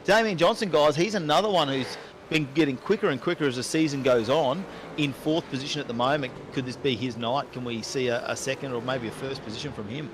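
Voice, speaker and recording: Fast-talking race commentator. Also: male voice, mid-range voice, noisy background. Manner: quick, chatty, rattles off positions and times. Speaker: sim racing commentator.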